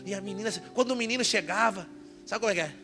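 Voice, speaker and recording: A man preaching a sermon with a southern Brazilian accent, swinging from hushed appeals to shouted commands to the congregation. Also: high voice, very fast, creaky, music in the background. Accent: southern Brazilian Portuguese. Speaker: pastor.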